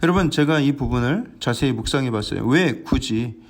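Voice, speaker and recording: A man preaching an early-morning sermon as senior pastor, earnest and animated, acting out scenes in his storytelling. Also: medium pitch, moderate pace. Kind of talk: dawn prayer sermon.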